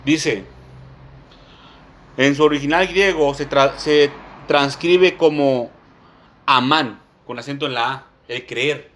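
A man with a medium-pitched voice preaches a sermon. He reads scripture slowly and with emphasis, often addressing his listeners as brothers.

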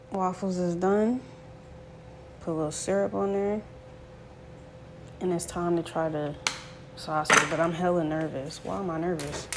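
A woman's voice: on the low side, noisy background. A young woman chatting casually in a home kitchen, laid-back and slangy, rambling as she cooks. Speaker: vlogger. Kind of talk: casual chat while cooking.

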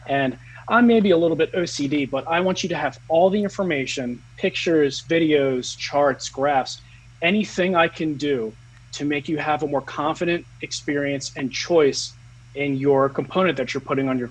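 A man speaking as the founder of a company in a casual interview, earnest, slowing down on key words. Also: on the high side, slightly rough, poor audio.

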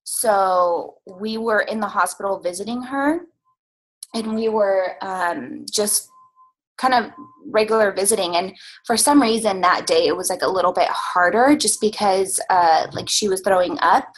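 A woman's voice: mid-range voice, measured pace, poor audio. A woman of thirty talking casually in an interview, hesitant with many ums, open and reflective. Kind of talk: casual conversation.

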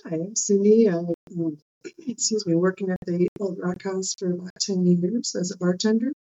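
A woman's voice: fairly low pitch, steady tone, normal speed, dark tone, highs cut off. A woman interview guest casually telling personal stories in a hesitant, loose way.

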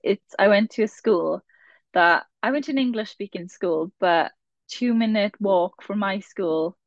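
A South Wales Valleys woman in her twenties chats as a podcast guest, rambling and laughing at herself in casual conversation. Her mid-range voice moves at a measured pace with no echo, and the dry sound is somewhat muffled.

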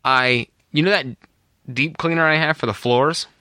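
Man, podcast co-host, bright voice on a dry close mic, rambling casual storyteller. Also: a little high, normal speed, smooth, dry recording. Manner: rambling, self-correcting storyteller. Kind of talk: casual family podcast chat.

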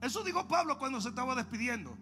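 A man preaching an animated sermon, acting out stories and swinging between shouting and low asides. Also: fast, soft background music.

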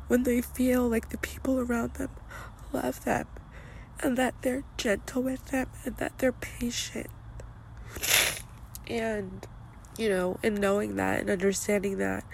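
A young woman talking openly and earnestly, her voice often dipping into a gravelly fry. She muses aloud with plenty of "like"s, sometimes softening almost to a whisper, while a faint vehicle rumble hums underneath. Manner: earnest, reflective, with frequent "like" fillers and soft, near-whispered passages. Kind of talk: candid personal monologue.

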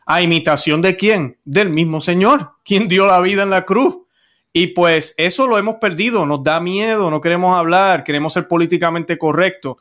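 A man interviewing a priest, agreeing and reflecting in a measured, conversational way. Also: high voice, fairly bright tone.

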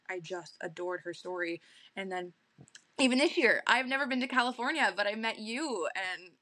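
A woman's voice: lowish voice, fairly bright tone. A young adult woman, a pageant titleholder, chatting earnestly as a podcast guest, full of little fillers. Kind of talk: casual podcast chat.

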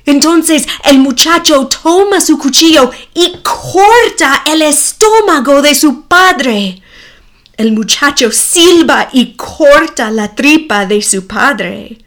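A woman narrating a story slowly, with deliberate, clearly enunciated delivery. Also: high voice, lively intonation, a bit bright.

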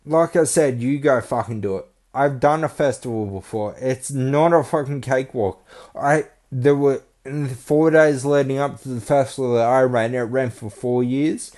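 A man's voice: medium pitch, normal speed, a little mellow. A man hosting a podcast, talking in a blunt, profane way with lots of "uh" fillers. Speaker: podcast host. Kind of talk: casual podcast monologue.

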